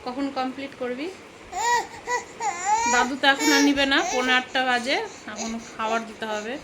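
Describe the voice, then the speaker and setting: A Bengali woman in her thirties rambles casually in a home vlog, now and then soothing a toddler. Her high voice has little pitch movement and runs a little slow. The noisy phone recording comes from a room at home with fans running.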